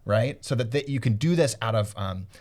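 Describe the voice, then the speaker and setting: A man's voice: medium pitch, expressive, normal speed, darkish tone. A man hosting a casual podcast, talking in an earnest, reflective way and sometimes losing his thread. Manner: earnest, reflective, loses his train of thought. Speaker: podcast host.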